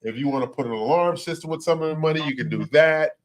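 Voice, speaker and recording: A man's voice: on the high side, fast talker, a crowd in the background. A man hosting a casual real estate show, asking about price and incentives in an easygoing, joking way. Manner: easygoing, asks questions, jokes. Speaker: show host. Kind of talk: casual interview.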